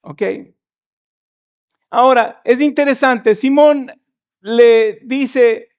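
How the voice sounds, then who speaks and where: Pastor with a high voice preaching in church and acting out the story's lines. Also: male voice, steady tone, drawn-out words, a little mellow, clean tone. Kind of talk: sermon.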